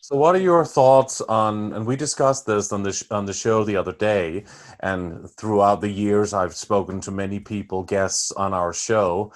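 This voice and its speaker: A man's voice: on the low side, normal speed. A male host asking long, winding interview questions, restarting often.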